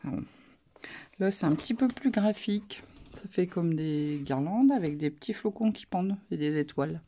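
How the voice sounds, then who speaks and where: A woman casually talking through a craft haul, soft-spoken and murmuring, her asides drifting into whispers. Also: on the low side, animated, moderate pace. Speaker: craft vlogger.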